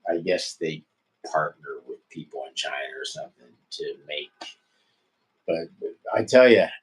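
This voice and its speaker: A middle-aged man chatting on a casual livestream. His voice sits very low, and he takes his time, drawling slowly through easygoing, rambling talk full of "uh"s and restarts. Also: poor audio. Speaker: livestream host and musician.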